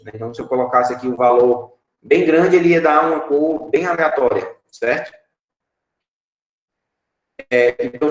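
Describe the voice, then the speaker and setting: Teaching indoors at home over a webcam call, a man in his thirties with a Brazilian Portuguese accent explains app components in an online class. His slightly high voice bounces in the echoey room, and he keeps filling pauses with "é" and checking in with "certo?".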